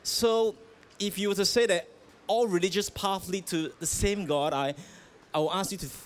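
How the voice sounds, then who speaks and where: Speaking at normal speed in a high voice, this man is a pastor from Malaysia appearing as a guest. He responds earnestly to interview questions outdoors at a festival, stumbling into restarts and filler words as he goes.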